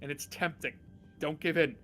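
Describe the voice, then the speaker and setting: A man doing casual let's-play commentary, jokey and quick to laugh. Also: a little high, steady tone, a bit bright, soft background music. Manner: laughs a lot, jokey and irreverent. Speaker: gaming commentator.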